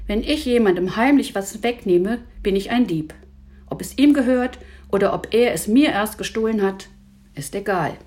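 A woman's voice: medium pitch, moderate pace, darkish tone, natural voice. A woman voicing a serious, earnest boy who reasons things out. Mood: reasoning.

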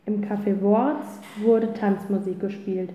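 A woman reading a children's novel aloud in a calm, unhurried storytelling manner. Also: mid-range voice. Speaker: audiobook reader. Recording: roomy, tinny phone-like sound.

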